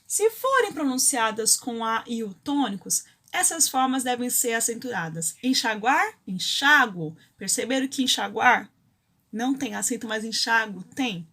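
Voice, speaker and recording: A woman's voice: on the high side, lively intonation, normal speed, fairly bright tone. A Brazilian woman teaching a grammar lesson, explaining rules step by step and often checking in with her students. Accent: Brazilian Portuguese.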